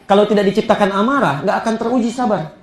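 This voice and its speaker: A man preaching a sermon, telling stories with animated, rising emphasis. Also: high voice, fast talker. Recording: echoey room.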